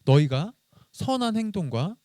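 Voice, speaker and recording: A man's voice: sits high, very animated, unhurried, warm tone, dry recording, clean studio sound. A man preaching a sermon as pastor, telling a story with many rhetorical questions.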